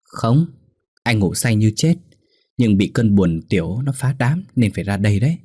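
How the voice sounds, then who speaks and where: A man voicing a calm middle-aged husband who speaks tersely and soothingly. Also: fairly low pitch, moderate pace, breathy edge, no echo, clean studio sound.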